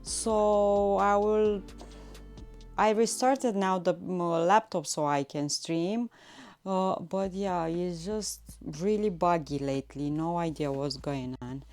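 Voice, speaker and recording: A woman's voice: lowish voice, slow, darkish tone, faint music behind. A woman chatting casually on a live cooking stream, laughing often and making small grammar slips. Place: home kitchen.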